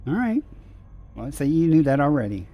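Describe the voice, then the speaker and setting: A man's voice: on the high side, big pitch swings, normal speed, mellow. A man streaming a space game, chatting casually with viewers and musing aloud with dry sarcasm. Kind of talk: casual gameplay chat with viewers.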